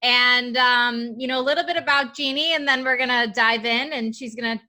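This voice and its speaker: Bright, chatty woman podcast host. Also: fairly high pitch, fairly even intonation, normal speed. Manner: chatty and rambling, full of fillers. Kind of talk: casual chat.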